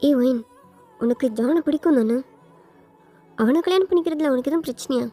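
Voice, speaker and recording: A caring older sister talks things through gently, as a woman reader voices her. Her voice is high and mellow. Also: fairly quick, soft background music, lightly acted. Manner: gentle and persuasive. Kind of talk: storybook fan fiction reading.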